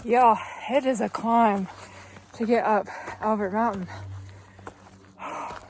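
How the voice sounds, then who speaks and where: A woman's voice: a little high, steady tone, a little slow, a little mellow, slight background noise. A young adult woman chatting casually to her camera outdoors on a mountain hiking trail. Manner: chatty and upbeat, talking to the camera while walking. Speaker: hiking vlogger. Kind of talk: casual trail vlog narration.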